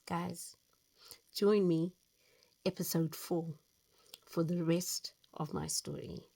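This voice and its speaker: A woman in her fifties speaks in a fairly low voice with a gravelly edge and a husky grain. She hosts her own talk and tells her own story, earnest and reflective, with lively emphasis. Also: slow. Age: 50s. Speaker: host. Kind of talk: personal storytelling monologue.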